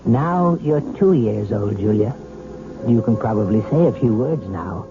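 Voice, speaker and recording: An actor in a 1970s radio drama playing a patient, probing hypnotherapist with a coaxing, deliberate manner. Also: male voice, on the low side, lively intonation, background noise. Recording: tinny old radio broadcast with music.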